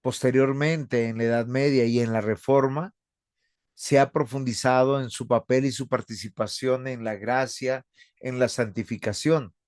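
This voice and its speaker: A man teaching a seminary class as a pastor, unhurried and earnest, calling his students brothers and sisters. His voice sits in an ordinary middle range. The sound is dry and close to the mic. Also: medium pitch, darkish tone, dry recording. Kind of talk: online theology lecture with class discussion.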